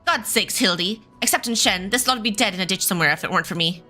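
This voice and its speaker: A sardonic game companion acted out by a woman, forever exasperated. The voice is bright and sharp, with music behind it. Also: medium pitch, quick pace.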